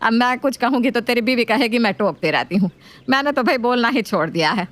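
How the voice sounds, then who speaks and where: Woman doing a nagging old mother-in-law. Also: close to an everyday voice. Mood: scolding. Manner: scolding, slow and lower-voiced.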